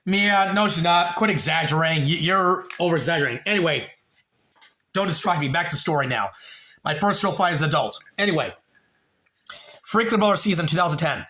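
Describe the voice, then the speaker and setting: A man in his late thirties hosts a livestream, telling a rambling, profane story and addressing chat viewers by name. His voice is on the high side, a little fast, with a bright, forceful tone.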